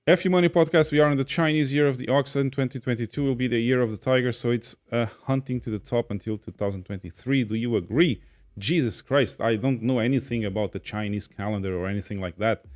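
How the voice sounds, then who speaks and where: Reading the chat out loud on his livestream, this podcast host from Portugal speaks with a Portuguese accent, keeps things chatty and casual, and laughs easily. His pitch is medium and his tone a little mellow.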